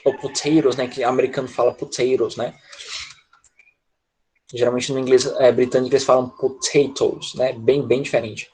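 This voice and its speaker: A man's voice: mid-range voice, level tone, moderate pace, dark tone, slight background noise, rough recording. A man with a Brazilian Portuguese accent, teaching an English grammar class and patiently asking "tá?" and "né?" to check his students follow. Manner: patient, repeats "tá?" and "né?" to check understanding.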